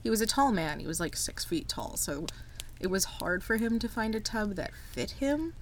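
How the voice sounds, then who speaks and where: A woman's voice: medium pitch, sing-song, moderate pace, a little hiss or hum. A woman hosting a true crime podcast, narrating a script in a storytelling manner with casual asides.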